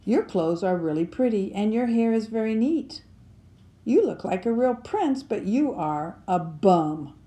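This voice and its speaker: A woman voicing a bold, clever young princess in a storybook, animated and emphatic. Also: medium pitch, unhurried, close to an everyday voice. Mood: cool, scolding.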